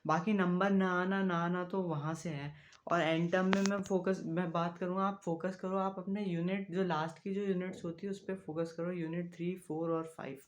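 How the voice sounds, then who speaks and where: A young man, talking casually to the camera in a vlog. He is soft-spoken and rambling, with frequent fillers. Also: high-pitched, little pitch movement, moderate pace, a little hiss or hum. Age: young adult. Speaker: vlogger.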